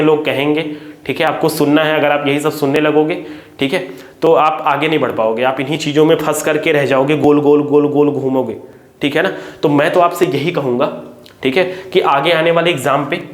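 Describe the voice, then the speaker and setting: Earnest teacher, echoey room. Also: male voice, a little high. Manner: earnest, repeats "theek hai" often. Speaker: coaching teacher. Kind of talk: direct-to-camera talk to parents and students.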